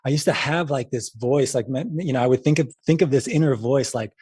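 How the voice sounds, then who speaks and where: A man's voice: mid-range voice, a little fast, darkish tone, husky. A man talking in a casual chat as a guest, rambling with many fillers and restarts.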